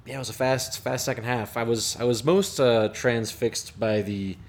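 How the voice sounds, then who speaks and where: A man's voice: medium pitch, steady tone, slight background noise. A man hosting a podcast over a video call, talking casually with lots of restarts and chuckles. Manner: halting, many restarts, chuckling. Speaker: podcast host.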